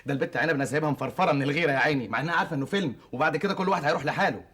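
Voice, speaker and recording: A man's voice: fairly high pitch, very fast, fairly bright tone, husky. A young man playing a cocky, cheeky thief in an Egyptian stage comedy, speaking Egyptian Arabic. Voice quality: cheeky, teasing.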